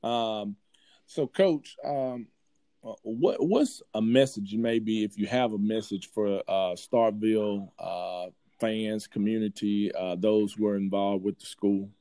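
A man hosting a sports interview asks halting questions in a fairly low, mellow voice. The recording is dry and close. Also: no echo. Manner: halting questions with many ums. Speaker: podcast host. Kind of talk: casual interview.

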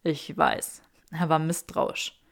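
A woman's voice: low voice, level tone, slow, vocal fry, a bit bright, voice pushed down, full character voice. Draco, a smug young wizard, voiced by a woman reader. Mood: wry. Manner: dry, mocking banter.

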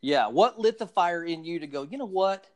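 A man's voice: a little high, normal speed. A man hosting a casual interview, asking loose questions padded with fillers. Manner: relaxed, filler-heavy questions. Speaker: host.

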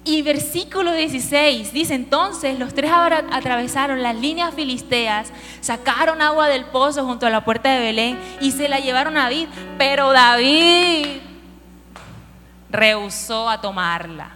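High-voiced woman preaching in a hall. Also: a little slow. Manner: lively storytelling, asks the audience questions. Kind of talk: sermon. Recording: hall reverb with faint music.

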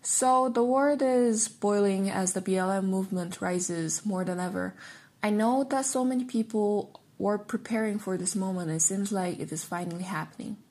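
Young woman, podcast host, husky and measured, reads from script. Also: mid-range voice, darkish tone. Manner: measured, reads prepared lines. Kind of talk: scripted introduction and interview questions.

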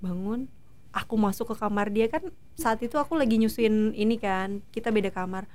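A woman in her thirties, a guest in a casual interview, telling stories in a lively way and acting out what others said. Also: mid-range voice, moderate pace. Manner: lively storytelling, acting out quoted voices.

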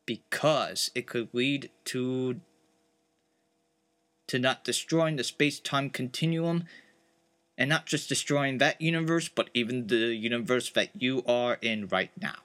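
A man voicing an eccentric male time-travel scientist who patiently lays out rules in a calm, explaining manner. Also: medium pitch, measured pace, close to an everyday voice. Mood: calm, lecturing. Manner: calm, explanatory, earnest rule-giving.

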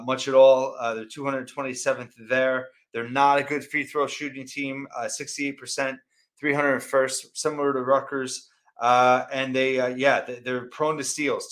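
A man hosting a sports preview, talking off the cuff through stats in a halting way. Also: medium pitch, fairly bright tone. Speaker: sports podcast host.

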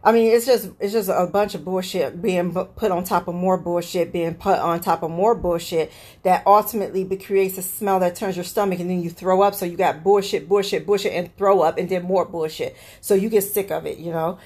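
A woman's voice: lowish voice, fairly even intonation, a little fast, darkish tone. Woman, solo podcast host, blunt, swearing, exasperated. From Cleveland area. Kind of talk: solo political rant podcast.

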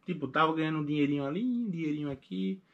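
Lively man with a Pernambuco accent. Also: on the high side, rapid-fire, muffled recording. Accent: Pernambuco Portuguese. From Recife, northeast Brazil. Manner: animated, acts out past conversations in quoted voices. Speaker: podcast guest. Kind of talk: casual storytelling chat.

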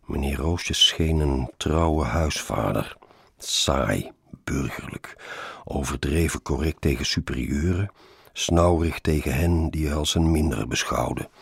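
Very deep, gravelly male storyteller. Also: no room sound, studio quality. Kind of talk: first-person story reading.

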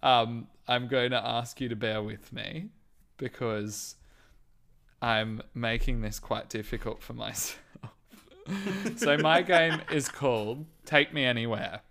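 A man co-hosting a podcast in casual chat, wry and relaxed, pausing with frequent ums. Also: mid-range voice, vocal fry. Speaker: podcast co-host.

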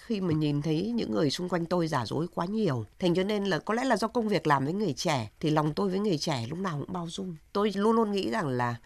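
Fast-talking earnest woman panelist. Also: on the low side, animated. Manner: earnest, reflective. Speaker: education expert panelist. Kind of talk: TV talk show discussion.

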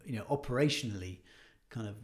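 A man's voice: mid-range voice, quick pace. A man in casual chat as a podcast co-host, telling anecdotes and agreeing often. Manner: anecdotal, agreeable, frequent "yeah" and "you know".

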